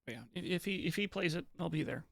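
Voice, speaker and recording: A man's voice: a little high, animated, fast, creaky, fairly bright tone, no room sound, studio quality. A man streaming live, chatting casually with viewers in a rambling, hesitant way, often restarting his sentences. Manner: reads and answers chat messages.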